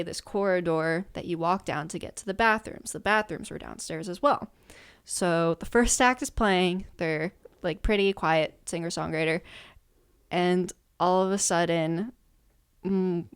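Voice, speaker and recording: Woman, musician guest, casual story, low-ish voice, laughs a lot, many fillers. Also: clean tone. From United States.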